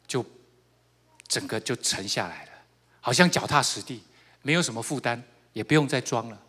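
A middle-aged man giving a personal testimony, telling his story with animated laughing asides and hushed, emotional confession. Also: mid-range voice, in a large hall. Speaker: church member giving testimony.

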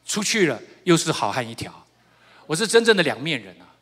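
A middle-aged man giving a personal testimony, telling his story with animated laughing asides and hushed, emotional confession. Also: a little high, fairly quick, husky, in a large hall. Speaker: church member giving testimony.

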